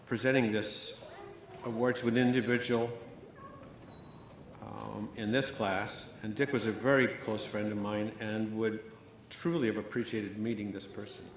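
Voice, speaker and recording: An older man giving a measured, storytelling award speech at a graduation ceremony, partly read aloud. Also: mid-range voice, a bit bright, a little hiss or hum. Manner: measured, storytelling delivery with fillers. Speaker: award presenter. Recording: echoey hall, faint ambience.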